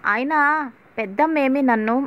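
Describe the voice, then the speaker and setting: A woman's voice: high-pitched, normal speed, lo-fi sound, lightly acted. A woman voicing a mild, easygoing young man who writes poems. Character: young man, dreamy poet and son.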